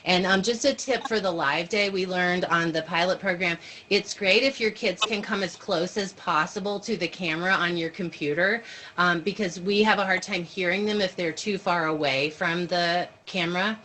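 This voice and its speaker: Her voice is on the low side, pushed and bright, at a moderate pace. Over noisy video-call audio, this woman trains teachers in an informal online session, walking through things step by step, checking in with listeners and taking questions.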